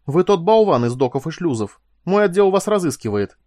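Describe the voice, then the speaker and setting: A man's voice: on the high side, expressive, fairly quick, no room sound, studio quality, pitched above the performer's own voice, natural voice. A man doing a furious stern female officer. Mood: indignant. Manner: sharp and indignant. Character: angry stern woman security officer.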